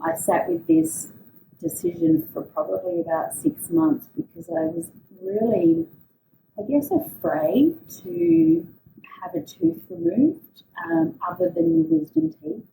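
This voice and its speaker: A woman giving an unscripted personal monologue in a hesitant, reflective way, often pausing mid-phrase. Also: medium pitch, creaky. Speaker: podcast host telling a personal story. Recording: roomy echo, distant mic, faint noise.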